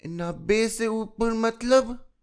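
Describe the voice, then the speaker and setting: A man voicing a stubborn, tearful six-year-old girl in a high, whiny childish voice. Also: extremely slow, clear, resonant tone, exaggerated voice. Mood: curious.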